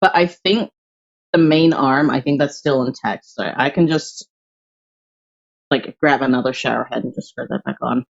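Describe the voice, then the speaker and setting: Young adult streamer, casual chat while drawing, rambling, lots of fillers, middle pitch, slightly muffled home mic. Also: moderate pace, gravelly. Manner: rambling, filler-heavy, thinks aloud.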